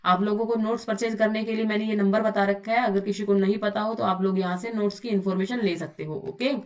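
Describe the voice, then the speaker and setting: Brief: woman teacher in a recorded online lecture, slightly distant mic, asks her class questions and answers them herself. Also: medium pitch. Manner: quizzes listeners with rhetorical questions, answers herself; often says "bhai" to students. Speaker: online exam coaching teacher.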